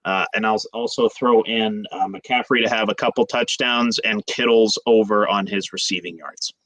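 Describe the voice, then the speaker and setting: A man on a sports podcast talks through his picks in an easy, casual way. His delivery is relaxed and loose, with frequent "uh" fillers as he hedges. The voice sounds dry, with no room echo. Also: fairly low pitch, moderate pace. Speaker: podcast co-host.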